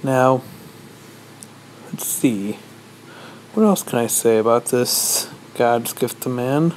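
A young man giving a rambling, deadpan comic monologue, posing as a lecturer. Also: mid-range voice, slow pace, slight background noise, rough recording. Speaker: vlogger. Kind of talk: mock-serious comedic monologue.

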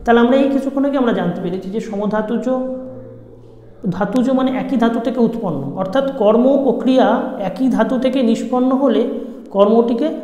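A teacher with a West Bengal accent giving an exam-prep grammar lesson, asking questions, answering them, and repeating key phrases slowly for emphasis. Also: medium pitch, warm tone. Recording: roomy with a long reverb tail.

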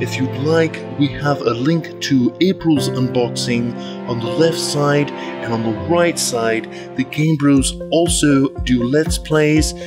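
Man doing a slow, polite golf announcer. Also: medium pitch, lightly acted. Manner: hushed-reverent golf commentator delivery, measured and deliberate. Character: mock golf announcer, male, polite, earnest, calling an unboxing. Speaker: commentator. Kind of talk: mock sports commentary.

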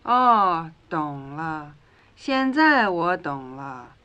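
A woman reading her part in a scripted language lesson dialogue, speaking drill lines slowly and deliberately, on a dull lo-fi 1950s record. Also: sits low, sing-song, pushed and bright, smooth.

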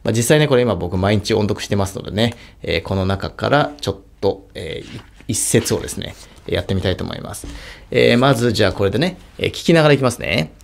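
A man's voice: lowish voice, animated, fairly quick, vocal fry. A man from Japan who teaches English on YouTube, reviewing a product in casual talk and sounding out consonants to demonstrate.

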